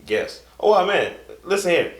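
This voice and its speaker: A man's voice: high-pitched, big pitch swings, unhurried. A young man co-hosting a casual fitness chat, talking in a laid-back, loose way with trailing fillers. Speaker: co-host. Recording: echoey room.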